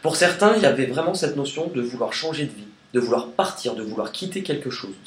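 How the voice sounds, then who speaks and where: A man's voice: mid-range voice, quick pace. Chatty man reading tarot cards. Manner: chatty and relaxed, sings snatches of songs. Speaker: tarot card reader. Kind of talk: casual tarot reading video. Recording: echoey room with faint noise.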